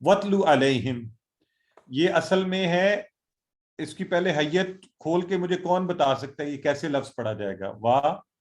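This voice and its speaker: A man teaching an online Quran and Arabic class over a video call, encouraging and drilling students by slowly repeating Arabic words. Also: fairly high pitch.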